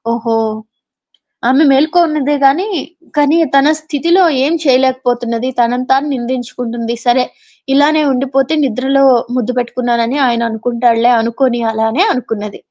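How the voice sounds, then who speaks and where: A woman's voice: sits high, normal speed, darkish tone. A woman reading an old literary novel aloud as a storyteller, stopping now and then to explain in plain talk. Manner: reads old literary prose, adds casual explanations. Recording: dull lo-fi audio.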